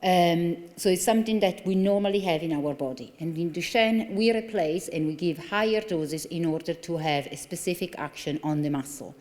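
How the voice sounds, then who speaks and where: This is a conference lecture by a consultant neurologist, a woman with an Italian accent, speaking into a lectern mic in a big hall with long reverberation. Her voice is lowish and somewhat dark, at a moderate pace with few pauses, and her earnest explanations include many fillers and restarts.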